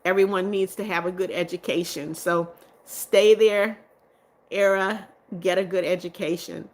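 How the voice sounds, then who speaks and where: In a lowish voice with fairly even intonation, a middle-aged woman works through viewer comments on a relaxed livestream, going a little slowly. She reads each one aloud, answers warmly, and often breaks into laughter.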